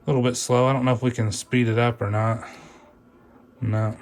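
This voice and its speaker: A video host reviews a vintage CB radio in a casual hands-on demo, sounding folksy and colloquial and muttering to himself as he works. His voice is medium in pitch, level in tone, and brisk.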